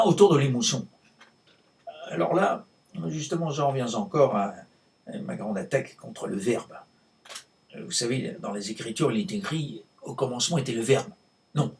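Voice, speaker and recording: A male actor playing a cantankerous, world-weary French novelist in a hammy, halting, emphatic stage monologue with a gravelly voice. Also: medium pitch. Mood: insistent. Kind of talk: theatrical monologue performed in a conversational ramble. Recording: distant microphone.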